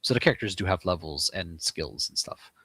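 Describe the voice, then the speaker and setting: A man's voice: low voice, expressive, fairly quick, pushed and bright, slightly rough, no echo. A man from Eastern Canada with a Quebec English accent, a guest author chatting casually in an interview with many fillers and restarts.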